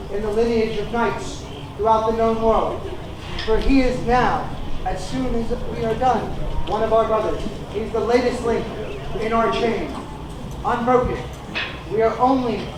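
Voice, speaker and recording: A man giving a solemn ceremonial speech as a knight presenting regalia, formal and deliberate, in short measured phrases. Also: very high voice. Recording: very echoey, distant, noisy live recording.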